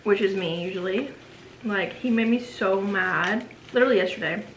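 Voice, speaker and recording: Young female vlogger, breezy filler-heavy chat, middle pitch, roomy home recording. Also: moderate pace. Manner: chatty, says "like" a lot. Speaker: vlogger and host. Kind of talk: casual Q&A chat while eating. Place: home room. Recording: echoey home room with noise.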